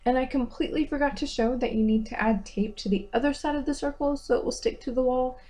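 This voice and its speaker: A woman's voice: high-pitched, fast, dark tone. A young woman giving a casual, upbeat craft tutorial voice-over, chatty with self-deprecating asides. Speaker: DIY vlogger.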